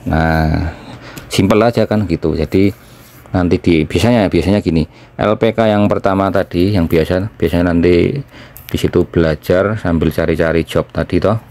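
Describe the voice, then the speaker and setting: Low-voiced man chatting while eating. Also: darkish tone. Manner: talking while eating, with pauses. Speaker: vlogger, former trainee in Japan. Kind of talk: casual explanatory chat.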